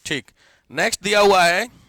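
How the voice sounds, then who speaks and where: A man's voice: high-pitched, moderate pace, no echo, studio quality. A man teaching a live grammar class, quizzing and teasing his students as he goes. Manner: lively, teasing, questions students often.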